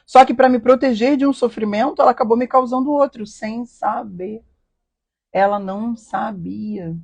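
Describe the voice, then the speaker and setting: A woman's voice: fairly high pitch, fairly even intonation, normal speed, creaky, a little mellow, husky, muffled recording. A woman hosting a live stream, telling a personal story in an earnest, emotional way and often asking rhetorical questions. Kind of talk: confessional personal talk.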